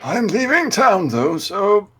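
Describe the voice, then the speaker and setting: A man's voice: high-pitched, very animated, takes it slowly, a bit bright, a little hiss or hum, pitched above the performer's own voice, exaggerated voice. A man voicing a prim, apologetic male troll who talks in fussy, formal words.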